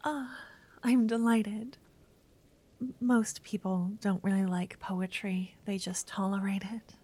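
A woman's voice: medium pitch, steady tone, slow, breathy edge. A woman voicing a shy, nervous young noblewoman in a whispered roleplay, stammering now and then. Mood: nervous whispering. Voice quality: soft whisper. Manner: hesitant, stammering.

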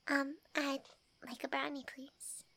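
A woman in a romance roleplay, talking softly in a shy, gentle, affectionate way and often dropping to a whisper. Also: high-pitched, level tone, slow pace.

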